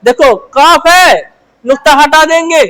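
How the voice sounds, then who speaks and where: A woman's voice: high-pitched, unhurried, a bit bright. A woman teaching the Urdu script, asking short questions and answering them herself while repeating key phrases. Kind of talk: letter-by-letter script lesson.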